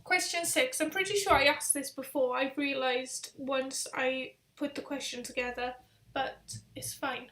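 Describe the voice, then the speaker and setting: A high-voiced woman runs a casual quiz for her viewers. She sounds tired and chatty, reading questions slowly and looping back over them. Her voice rings in a noticeably echoey room. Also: fairly even intonation, fairly bright tone. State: tired, yawning. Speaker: quiz host on a live stream. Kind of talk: casual live-stream chat.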